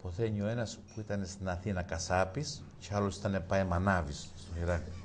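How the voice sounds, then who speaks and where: A man's voice: steady tone, slight background noise. Man telling jokes with voices. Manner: acts out characters, rising high and loud at punchlines. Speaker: joke teller.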